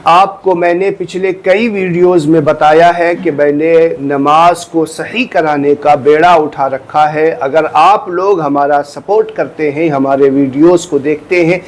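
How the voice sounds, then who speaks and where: Man, religious teacher, fairly high voice, earnest, repeats himself, slow deliberate recitations. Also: fairly even intonation. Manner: earnest, explains step by step, repeats phrases; recites phrases slowly and deliberately to demonstrate them. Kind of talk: instructional talk on prayer.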